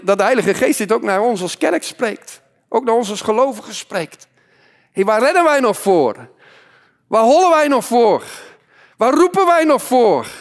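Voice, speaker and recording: A man preaching a sermon as pastor, moving between loud exhortation and hushed, quiet passages. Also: very high voice.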